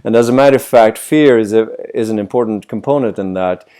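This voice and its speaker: A middle-aged voice coach from Sweden, speaking fairly quickly in a fairly low, mellow voice, considers interview questions carefully over a video call. He frequently asks rhetorical questions.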